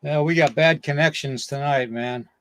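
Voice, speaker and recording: A man's voice: on the high side, normal speed, a bit bright, clean tone. An older man hosting a podcast in casual, folksy, rambling chat, slightly short of breath. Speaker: podcast host.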